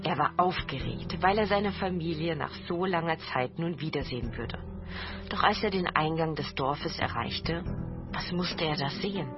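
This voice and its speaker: A woman narrating a fairy tale in a calm, measured storytelling voice. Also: sits low. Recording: dull lo-fi with faint music.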